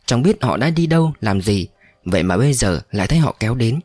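A man narrating a dramatic story in an expressive reading voice. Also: medium pitch, fast talker, no room sound.

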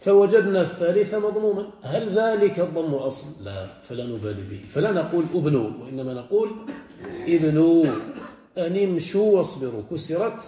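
A man with a fairly high voice teaches a grammar lesson as a sheikh. He says each word form aloud several times and pauses to check that his students understand. The lo-fi recording sounds muffled, and it carries the echo of a roomy classroom. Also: animated, a little hiss or hum.

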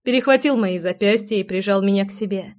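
A woman narrating a first-person romance audiobook, reading in an expressive, emotive way. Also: mid-range voice, quick pace.

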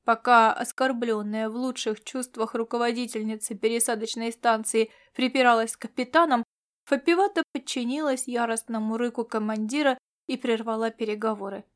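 A woman reading a science fiction audiobook in scripted narration, with expressive delivery. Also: a little high, moderate pace.

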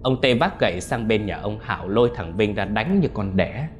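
A man tells a ghost story in a low voice, his pitch moving in lively, expressive swings. Faint music plays beneath his narration. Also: moderate pace.

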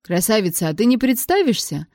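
A woman reading an audiobook, voicing a smooth-talking middle-aged male casino owner who is genial and flattering. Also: mid-range voice, fairly quick, dry recording, studio quality, pitched above the performer's own voice.

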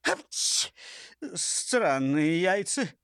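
A man's voice: high-pitched, very animated, a little slow, no echo, studio quality, pitched above the performer's own voice, heavily acted. A man reading an audiobook, voicing a sniffly male robber who sneezes before he speaks. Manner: keeps sneezing. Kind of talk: audiobook character voice.

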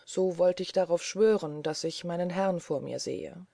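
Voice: mid-range voice, normal speed, gravelly, warm tone, no echo, clean studio sound. Reader putting on a flustered male servant, hesitant, stammering, storybook.

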